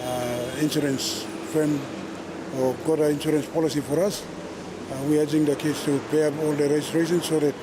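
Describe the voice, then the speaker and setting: A man, a sports official speaking in a news interview, halting with many filler pauses. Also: a little high, level tone, background noise. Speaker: schools rugby league official.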